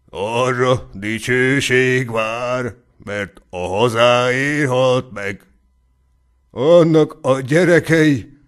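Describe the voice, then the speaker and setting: A man voicing a pompous, excitable old country squire who declaims his speeches. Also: mid-range voice, lightly acted. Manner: declaiming, exclamatory.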